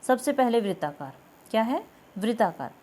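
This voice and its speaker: A young woman teaches an exam-prep grammar lesson, working through the material step by step. She keeps turning to the class with quiz-like questions. She draws the sample vowel sounds out long so they can be heard clearly. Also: on the high side, sing-song, moderate pace, warm tone.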